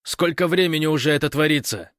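A man's voice: mid-range voice, lively intonation, fairly quick, no echo, clean studio sound, voice pushed up, natural voice. A man voicing Gosh, a grumbling, sardonic young man who complains and snaps at his friends. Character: grumbling, envious young man stuck at a switchboard.

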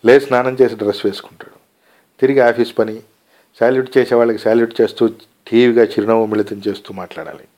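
Male story reader, mid-pitched, calm and measured read-aloud narration.

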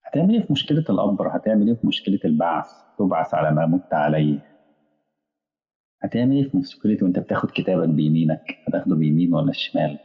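A man preaching in an Egyptian accent, his low voice rough with fry as he rushes through his points. He plays out quick exchanges with imagined listeners, taking both sides. The sound is dull and lo-fi, with a long reverb trailing behind him. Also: lively intonation. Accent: Egyptian Arabic. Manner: acts out back-and-forth dialogues with imagined listeners. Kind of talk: colloquial sermon.

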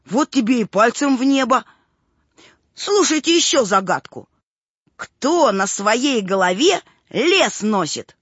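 A woman's voice: fairly high pitch, very animated, slow, husky, dry recording, exaggerated voice. A woman playing a teasing riddle-posing boy. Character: boy who poses riddles, a bit of a show-off. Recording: dull recording with faint music.

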